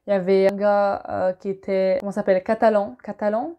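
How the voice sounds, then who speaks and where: A young woman from France telling a relaxed personal story to camera, chatty and full of fillers and asides. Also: mid-range voice, fast talker, clean tone, dull audio. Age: young adult. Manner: chatty, many fillers and asides, laughs easily. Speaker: vlogger.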